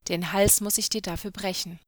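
A woman voicing a boastful, threatening male spirit from a bottle in a storybook reading, in a loud, booming voice. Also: moderate pace, dry recording, clean studio sound, natural voice. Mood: menacing.

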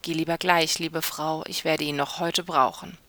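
A woman's voice: low-pitched, steady tone, normal speed, a bit bright, no room sound. A woman reading a fairy tale aloud, voicing a stern, threatening nobleman who murders his wives. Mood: cold. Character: menacing wife-killing nobleman, Bluebeard. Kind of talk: storybook reading.

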